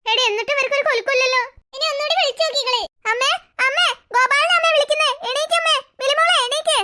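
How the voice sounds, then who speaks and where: A grumpy grown man, woken too early, grumbles with sarcasm, voiced by a cartoon voice actor. The voice stays very high and bright and comes out fast. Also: fairly even intonation, exaggerated voice. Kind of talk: cartoon voice acting.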